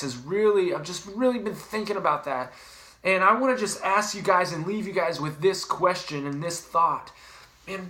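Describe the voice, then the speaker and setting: Casting: man, bright slightly high voice, relaxed devotional talk full of fillers. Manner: conversational, retelling scripture with lots of fillers. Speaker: pastor. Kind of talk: casual video devotional.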